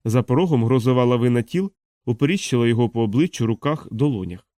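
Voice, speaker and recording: A man narrating an audiobook in a steady, expressive storytelling voice. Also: mid-range voice, fast, no echo, clean studio sound. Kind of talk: audiobook reading.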